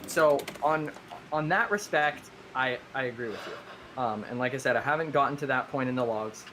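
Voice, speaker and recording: A man's voice: medium pitch, moderate pace. A man in the middle of his range explains his server's rules on a live stream. He is earnest and rambling and keeps correcting himself mid-sentence. A faint background hiss runs under the recording. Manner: earnest, rambling, self-correcting with many restarts. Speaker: game server owner.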